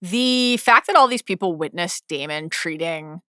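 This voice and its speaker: A woman co-hosting a podcast, recapping a TV episode quickly and enthusiastically, often restarting sentences. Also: lowish voice, lively intonation, pushed and bright, smooth, no echo, studio quality. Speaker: podcast co-host. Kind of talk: casual TV recap chat.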